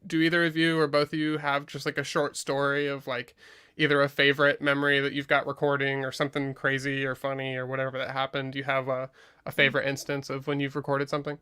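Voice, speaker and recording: A man hosting a livestream, asking guests questions in a relaxed, casual way with a lot of "like" in his speech. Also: mid-range voice, fast talker, clean tone. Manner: relaxed, loose phrasing with frequent "like". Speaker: livestream host. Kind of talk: casual interview chat.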